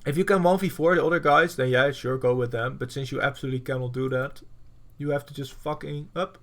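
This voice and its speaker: Brief: male coach, gravelly voice, middle pitch, blunt and profane while reviewing gameplay, plenty of fillers. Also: steady tone, brisk, fairly bright tone. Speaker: game coach.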